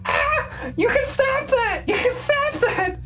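A woman voicing a small, greedy, whiny goblin in a tabletop game, with a shrill, squealing, cackling delivery. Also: expressive, slow, full character voice. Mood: pained. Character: small wounded goblin, defiant then pleading, greedy. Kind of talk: tabletop role-play.

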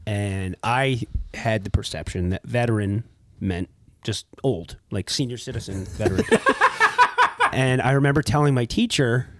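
A man co-hosting a podcast, telling stories in an animated way and slipping into voices for the people he quotes. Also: medium pitch, normal speed, a little hiss or hum. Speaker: podcast co-host. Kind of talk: casual chat.

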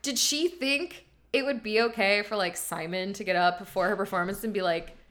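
A woman in her thirties co-hosting a podcast, chatting casually in an opinionated, expressive way. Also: mid-range voice, moderate pace. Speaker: podcast co-host. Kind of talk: casual chat.

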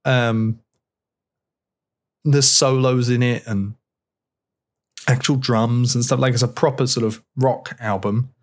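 A man hosting a podcast, talking in a relaxed, chatty way with plenty of fillers. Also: mid-range voice, slow pace, pauses often. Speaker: podcast host. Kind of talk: casual chat.

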